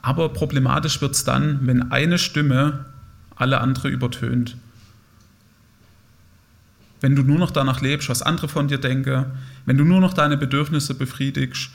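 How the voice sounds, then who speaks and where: A man's voice: medium pitch, fairly even intonation, a little slow, creaky, pauses often. A young man giving a conversational, reflective sermon, speaking directly to his listeners. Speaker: preacher.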